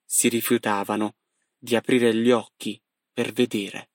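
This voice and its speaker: A man reading a passage from a book aloud in a steady, earnest storytelling manner. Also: fairly low pitch, unhurried, no room sound, clean studio sound. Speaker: reader.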